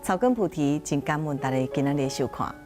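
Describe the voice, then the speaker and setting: Low-pitched female narrator, steady documentary read over music. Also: quick pace.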